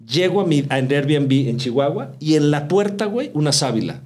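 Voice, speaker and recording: A man with a Mexican accent in casual chat, telling stories in a slangy, animated way and acting out quoted dialogue. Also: fairly high pitch, normal speed. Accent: Mexican Spanish.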